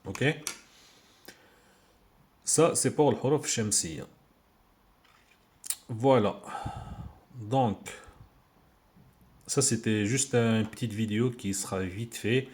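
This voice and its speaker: Man, fairly low voice, patient teacher, repeats words slowly, phone recording. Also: a little mellow. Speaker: Arabic teacher. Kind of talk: informal video lesson. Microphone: handheld phone.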